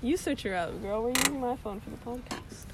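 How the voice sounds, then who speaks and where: A young woman hosting a casual podcast, loud, crude and teasing. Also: a little high, brisk, heavy background noise. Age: young adult. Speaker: podcast host. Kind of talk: casual chat.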